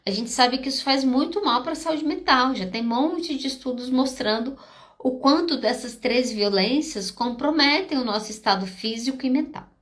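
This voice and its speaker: Fielding audience questions on a live podcast, a Brazilian woman psychologist with a Brazilian Portuguese accent speaks at a moderate pace. Her voice sits high with a fairly bright tone, and she's direct and emphatic, reinforcing points through short check-ins with listeners.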